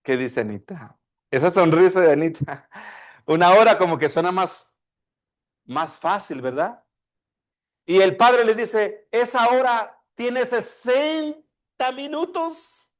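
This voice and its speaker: A man's voice: sits high, lively intonation, takes it slowly, pauses often. A man preaching a sermon, asking his congregation questions and acting out a dialogue between a father and his child. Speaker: pastor.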